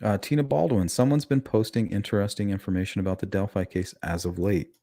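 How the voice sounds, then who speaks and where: Low-voiced man with a slight lisp. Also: fairly even intonation, a little fast, warm tone, no echo. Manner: conversational, questioning the audience. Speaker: livestream host. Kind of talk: casual true-crime livestream commentary, reading chat aloud.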